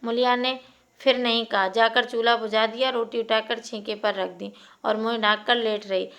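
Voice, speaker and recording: Bright-voiced woman reading a story. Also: on the high side, normal speed. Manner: steady, expressive narration. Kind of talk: reading a classic short story aloud.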